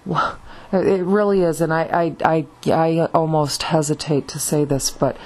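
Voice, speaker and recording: A woman's voice: deep voice, fairly even intonation, a little mellow, rough recording. A woman vlogging alone in a rambling monologue with lots of fillers and restarts, still in her morning voice. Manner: halting, many fillers and restarts. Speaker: video blogger.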